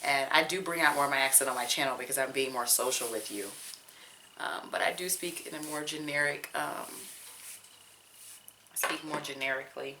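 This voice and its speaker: An extremely low-pitched female voice at a moderate pace, with background noise audible. She's a young teacher and vlogger from Georgia with a Southern accent, detangling her hair at home while chatting candidly and directly to her viewers in casual slang.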